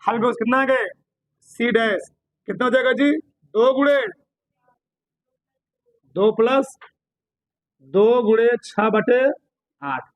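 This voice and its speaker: A man a very high voice teaches physics in a classroom. He keeps asking his students questions and gently scolds them as he works. The sound is dry and close, no room echo. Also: lively intonation, slow pace, long pauses. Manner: drills students with repeated questions, scolds lightly. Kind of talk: classroom lesson solving problems on a board.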